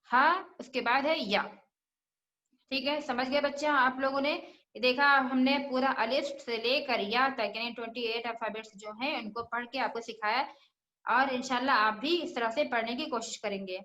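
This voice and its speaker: A woman's voice: on the high side, steady tone, moderate pace, sharp tone, roomy sound. A woman teaching children Quran recitation, patiently repeating each letter sound and asking questions as she goes. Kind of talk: religious lesson for children.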